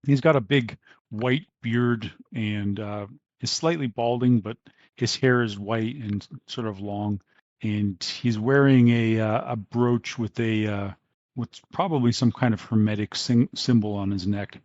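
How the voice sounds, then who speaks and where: A man narrating as game master of a tabletop game, pausing often with fillers. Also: on the low side, steady tone, a little mellow, dry recording, muffled recording. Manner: hesitant with many fillers.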